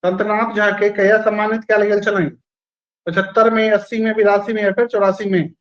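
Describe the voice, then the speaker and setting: A man's voice: sits high, level tone, brisk, a bit bright, muffled recording. A male teacher running a live online quiz class, repeating each question and its options and praising students by name.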